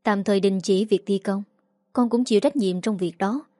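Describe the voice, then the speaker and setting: A woman voicing a calm, weary young man, an engineer and husband, in a read story. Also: medium pitch, normal speed, dry recording, clean studio sound, lightly acted. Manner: calm, sighing.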